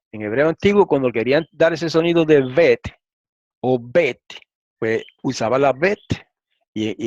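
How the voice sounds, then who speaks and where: A man teaching a lesson, reading transliterated Hebrew and Greek slowly and asking frequent rhetorical questions. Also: mid-range voice, no echo. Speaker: Bible teacher. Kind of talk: lecture explaining Hebrew and Greek texts. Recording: dull, slightly lo-fi and dry.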